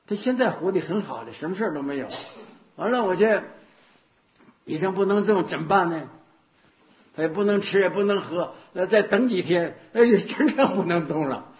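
Buddhist teacher, male, animated and higher-pitched delivery, anecdotal sermon style, lo-fi recording. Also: moderate pace. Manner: anecdotal, repetitive, rhetorical questions. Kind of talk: dharma talk. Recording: dull lo-fi recording.

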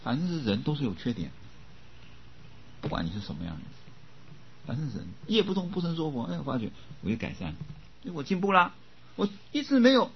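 An older man giving a Buddhist dharma talk as teacher, often coughing and clearing his throat, repeating words as he goes. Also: fairly high pitch, huge pitch swings, brisk, long pauses, a little hiss or hum. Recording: dull lo-fi recording.

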